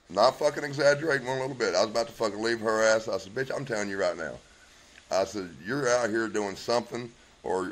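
A man's voice: on the low side, a little hiss or hum. A man telling a raw, heavily profane story into his phone on a live video, acting out both sides of old arguments. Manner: swears constantly, acts out both sides of past conversations. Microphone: phone held at arm's length.

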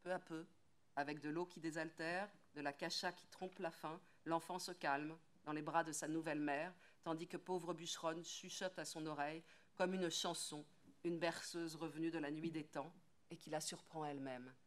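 A woman's voice: low voice, steady tone, moderate pace. French woman giving a lilting literary reading. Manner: rhythmic, lilting, with repeated phrases. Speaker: actress reading a book aloud.

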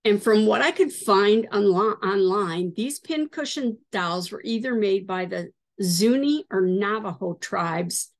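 A woman's voice: mid-range voice, animated, a little slow, hardly any pauses. A middle-aged woman hosting a needlework video, showing items in a casual, hesitant way with many fillers. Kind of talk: casual show-and-tell.

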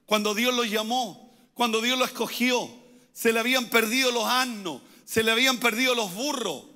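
A man's voice: extremely high pitch, pushed and bright. A man, a pastor, preaching a sermon with emphatic, repeated phrases and rising intensity. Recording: hall reverb.

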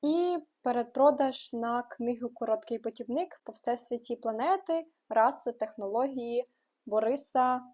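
A woman's voice: a little high, darkish tone. Chatty young woman reading book news. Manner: chatty, quick asides and frank opinions. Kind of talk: casual book news roundup.

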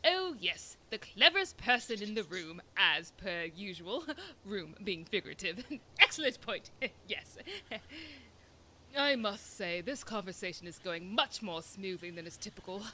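A woman's voice: mid-range voice, animated, unhurried, bright, forceful tone, slight background noise. A woman voicing a haughty, eccentric detective Holmes in a comedy audio drama, dry, arrogant and prone to giggling. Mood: wry.

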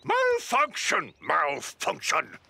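A glitching machine that barks out malfunction warnings in harsh, clipped bursts. The voice is gravelly and slow, leaping wildly up and down in pitch. Loud noise and clicks sit under the recording. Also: male voice, wildly swooping pitch, full character voice. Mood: alarmed. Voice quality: harsh, clipped, repetitive shouts. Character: gruff warrior shouting malfunction like a glitching machine. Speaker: video game character. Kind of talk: game voice lines.

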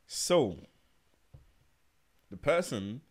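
A man's voice: mid-range voice, big pitch swings, extremely slow, darkish tone. A young man co-hosting a podcast, telling stories in a laid-back way full of slang. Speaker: podcast co-host. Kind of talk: casual chat.

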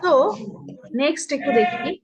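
A woman with a Bangladeshi accent teaches English to children in a live online class over a video call. At a moderate pace, she patiently repeats model phrases and checks that everyone understands.

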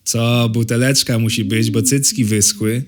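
A man's voice: medium pitch, fairly even intonation, measured pace, natural voice. A man voicing the sardonic inner thoughts of a world-weary baby in a comedy monologue, crude and grumbling. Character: cynical, foul-mouthed baby's inner voice, world-weary.

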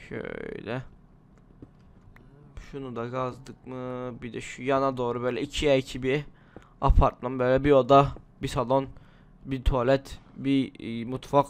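A man's voice: mid-range voice, clear, resonant tone. A man, a gaming channel host, chatting casually and rambling to himself as he plays a survival game, a little under the weather. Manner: chatty, rambling, talks to himself while playing. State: slightly ill. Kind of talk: casual gameplay commentary.

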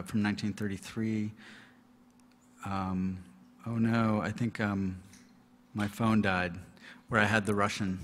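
Man reading aloud in a reverberant hall. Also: medium pitch. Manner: deliberate, measured reading with hesitant asides full of fillers. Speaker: award-winning literary translator. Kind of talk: reading translated prose aloud at an awards reception. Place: reception hall. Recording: long reverb of a reception hall.

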